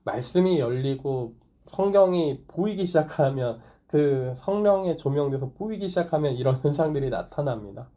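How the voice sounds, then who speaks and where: Male pastor, conversational sermon, slightly high and mellow voice. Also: lively intonation, normal speed. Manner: conversational preaching, asks the congregation questions, light laughs. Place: small church or online worship service.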